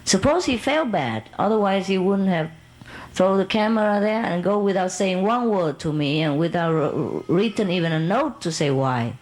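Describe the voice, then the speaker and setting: A woman's voice: on the low side, lively intonation, moderate pace, darkish tone, low-quality recording. A woman telling a long personal story in casual, non-native English, rambling and laughing as she goes.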